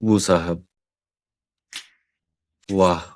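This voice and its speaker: A man's voice: low voice, fairly even intonation, extremely slow, slight background noise. A man voicing a loyal male assistant who reports to his boss in a deferential, matter-of-fact way in a dubbed drama. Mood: dutiful.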